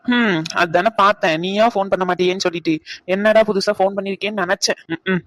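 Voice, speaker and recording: A teasing older man in a cartoon family comedy, as a man voices him. His voice sits fairly high and his talk is slow and soothing. It is recorded close and dry. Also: steady tone, fairly bright tone, no room sound, rough recording.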